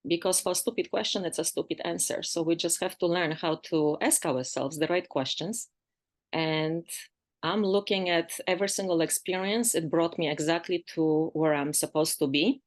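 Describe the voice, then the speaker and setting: A woman in her sixties with a Polish accent, her voice sitting on the lower side. She talks as a podcast guest, reflective and philosophical, pausing on fillers and restarting her sentences. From Poland. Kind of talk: reflective interview conversation.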